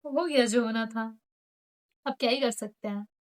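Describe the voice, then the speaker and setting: A teenage girl chats through a funny school storytime for her vlog, with a high, bright pitch. She tells it in an animated way, acting out what teachers and friends said and dropping English phrases into her talk. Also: moderate pace. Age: late teens. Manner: animated, acts out teachers and friends in quoted lines. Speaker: vlogger telling a school story. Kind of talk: casual storytime chat.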